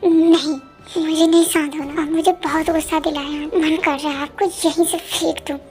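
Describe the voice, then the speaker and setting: A sulky, accusing young woman , as a woman acts her out in a fan audio drama. Her voice is very high and gravelly, with music running behind it. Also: steady tone, moderate pace. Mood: angry. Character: angry, jealous young woman who feels abandoned.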